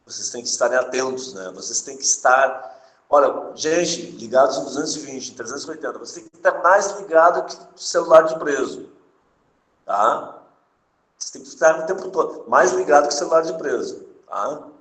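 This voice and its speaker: A man's voice: on the high side, expressive, fairly quick, a bit bright, roomy sound, poor audio. A male teacher giving an adult-education grammar lesson. He is chatty, repeats his points, tags his sentences with little checks for agreement, and jokes with the class before going back to the rule. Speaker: Portuguese teacher.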